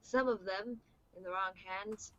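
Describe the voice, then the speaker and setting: A woman's voice: medium pitch, unhurried, a bit bright, lo-fi sound, slight background noise, pitched below the performer's own voice, natural voice. A woman reading the lines of a wise old male wizard mentor in a casual script read-through, in her own voice. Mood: earnest.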